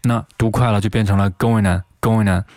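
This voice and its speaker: A Chinese-speaking man teaching English phrases, who patiently repeats each one slowly to show how it sounds. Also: on the low side, flat delivery, a little mellow, dry recording, studio quality.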